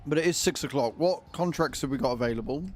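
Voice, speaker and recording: A man's voice: medium pitch, fast talker. A man livestreaming a video game, chatting casually and informally with his viewers. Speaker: livestreamer, gamer.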